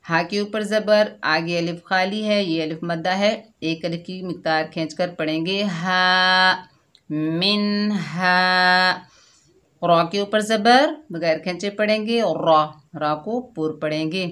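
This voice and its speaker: Patiently explaining as she goes, a fairly low-pitched woman leads a slow Quran recitation lesson one word at a time. Each recited word is stretched out, and she frequently checks in with "theek hai."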